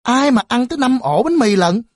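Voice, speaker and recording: Woman putting on a shy little boy, high fretful voice, husky and dry. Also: expressive, normal speed, no room sound. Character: timid, naive little boy.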